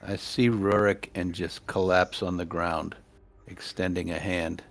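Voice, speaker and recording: A man's voice: low voice, flat delivery, unhurried, creaky. A man playing a tabletop role-playing game, narrating his character's actions in the first person.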